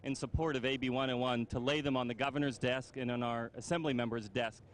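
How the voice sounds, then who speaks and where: An American man gives a street interview as a volunteer. His pitch is average, and a little outdoor noise sits behind him. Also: fairly even intonation, fast. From California, United States. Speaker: campaign volunteer being interviewed. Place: outdoors at a parade. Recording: outdoor ambience, faint noise.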